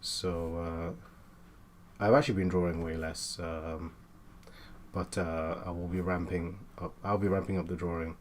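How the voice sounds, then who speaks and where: Low-voiced guy in his late 20s, rambling chat while he draws, lots of ums and restarts. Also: level tone, a little slow, a little hiss or hum. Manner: hesitant, many fillers and restarts. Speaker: art streamer. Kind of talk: casual chat while drawing.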